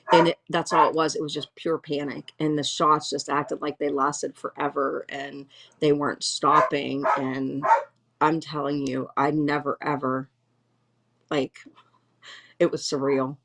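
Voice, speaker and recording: A middle-aged woman at home giving an emotional first-hand eyewitness account, halting and restarting as she speaks. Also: sits low, a bit bright, a little hiss or hum. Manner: halting, restarts often, voice full of distress. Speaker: eyewitness interviewee. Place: at home, dog nearby.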